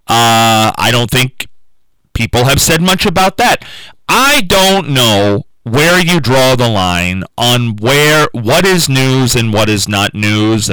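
Smooth-voiced male radio host, bright. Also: mid-range voice, dry recording, poor audio. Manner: muses aloud, trailing off and restarting. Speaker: radio talk show host. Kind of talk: call-in talk radio monologue.

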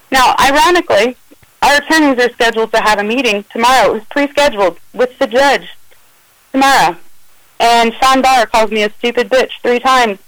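This caller, a woman with a fairly high, fairly bright voice, tells an upset first-person story of a confrontation and acts out what was said. The recording is dry and rough.

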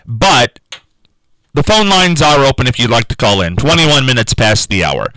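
A man with a smooth radio-host delivery, musing aloud to listeners on a call-in show and often trailing off and restarting. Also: mid-range voice, very animated, moderate pace, bright, forceful tone, dry recording, rough recording. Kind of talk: call-in talk radio monologue.

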